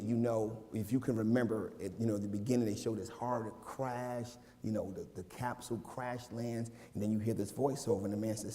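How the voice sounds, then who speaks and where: A man's voice: fairly low pitch, warm tone. Joking preacher in his forties. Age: 40s. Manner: joking, conversational preaching with playful asides. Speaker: minister. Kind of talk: sermon. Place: church sanctuary. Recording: long reverb of a large church.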